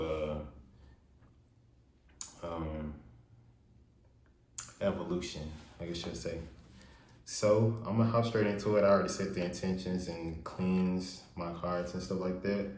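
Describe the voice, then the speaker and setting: A man giving a casual spiritual tarot reading in a loose, rambling way with a naturally monotone voice, his words washed in heavy room reverb. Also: low-pitched. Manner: loose, rambling, with many fillers. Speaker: tarot reader. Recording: echoey untreated room, faint noise.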